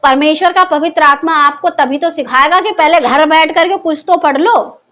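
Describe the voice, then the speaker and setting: A woman with a high voice teaching the Bible in a chatty, informal way. She keeps throwing questions at her listeners and answers them herself. Her tone is that of a teacher gently scolding the class. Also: moderate pace. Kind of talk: Hindi Bible teaching talk.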